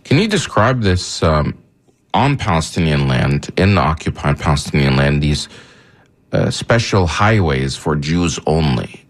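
A man interviewing a guest, probing and restating points as questions. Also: rumbling low.

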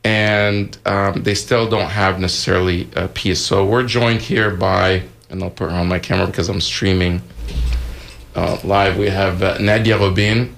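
A man's voice: low voice, fairly even intonation, normal speed, vocal fry, fairly bright tone. A man from Egypt co-hosting a live radio talk show in a studio, explaining events hesitantly with many fillers and restarts.

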